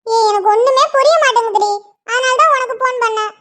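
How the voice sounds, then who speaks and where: Brief: someone playing a loud teasing cartoon woman, piercing very high voice, quick and sharp. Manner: brash, teasing. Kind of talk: Tamil cartoon voice acting.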